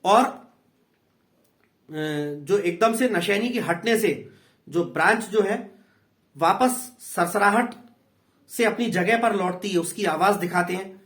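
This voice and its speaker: A man's voice: high-pitched, slow, long pauses, fairly bright tone. A man with an Indian accent, an English tutor patiently explaining a play in a class lesson. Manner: patient, repeats and explains in two languages.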